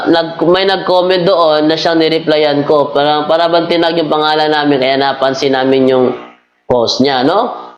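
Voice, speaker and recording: A woman's voice: deep voice, little pitch movement, moderate pace, lo-fi sound. A woman giving casual religious commentary, arguing her case and repeating points with rhetorical "ha?" and "no?" questions. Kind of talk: casual religious commentary, reading out chat messages. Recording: echoey room.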